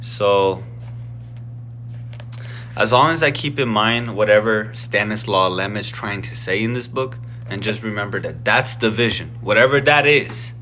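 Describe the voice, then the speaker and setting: A man in his twenties with a bright, forceful voice, rambling casually to his viewers before a live reading. He meanders and pokes fun at himself, restarting sentences and filling gaps with "um" and "uh". A faint hiss of noise sits underneath. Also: lowish voice, measured pace. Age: 20s. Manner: meandering, self-deprecating, lots of fillers and restarts. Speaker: live-stream book reader.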